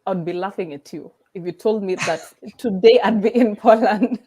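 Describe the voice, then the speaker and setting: A woman's voice: medium pitch, normal speed, a crowd in the background, low-quality recording. A young Kenyan woman with a Kenyan accent, chatting as a guest on a video call, laughing often and slipping into Swahili. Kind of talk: casual interview chat.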